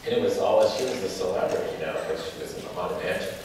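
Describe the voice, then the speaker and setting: Man, deep voice, anecdotal panel speaker; distant hall recording with long reverb. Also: rapid-fire, background noise. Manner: rambling anecdotal delivery. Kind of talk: storytelling to a live audience. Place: large indoor event hall. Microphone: far camera. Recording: echoey hall from far off.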